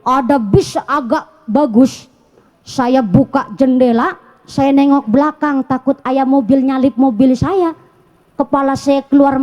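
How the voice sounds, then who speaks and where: A woman's voice: sits high, darkish tone. A woman preacher with a Banyumasan Javanese accent giving a humorous sermon, telling stories and putting rhetorical questions to her audience.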